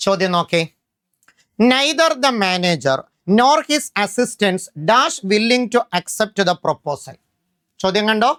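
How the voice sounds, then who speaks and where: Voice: medium pitch, a bit bright. Quizzing exam-prep grammar teacher. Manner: asks quick quiz questions and answers them, often checks if it is clear; reads English example sentences slowly.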